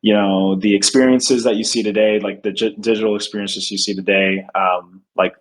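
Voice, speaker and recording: A man in his twenties from Venezuela is a guest on a podcast. He talks casually with a slightly low voice and pauses often, filling gaps with ums and likes. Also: fairly even intonation, low-quality recording. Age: 20s. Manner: hesitant, filler-heavy. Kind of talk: casual interview.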